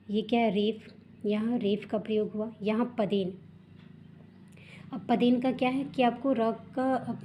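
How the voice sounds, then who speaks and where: Woman teacher, young adult, warm mellow tone, patient and repetitive lesson explainer. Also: fairly high pitch. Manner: patient, repetitive explaining with frequent fillers and rhetorical questions. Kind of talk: explaining a school textbook lesson.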